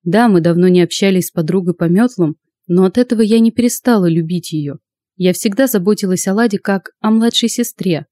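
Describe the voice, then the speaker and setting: A woman narrating first-person fiction as an audiobook reader, in a steady storytelling manner close to the mic. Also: mid-range voice, fairly quick, dry recording.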